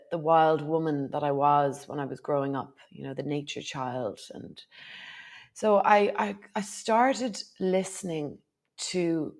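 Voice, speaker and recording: An Irish woman, a podcast guest who runs retreats, reflecting on her life story in a casual conversational interview. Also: sits low. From Ireland. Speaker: podcast guest, retreat host and yoga teacher.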